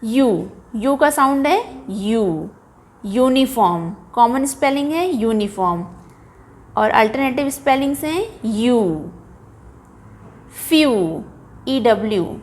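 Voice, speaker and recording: Slow, clear Indian woman teaching phonics. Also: a little high, animated. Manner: slow, clear word-by-word modeling of sounds. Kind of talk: phonics lesson for children.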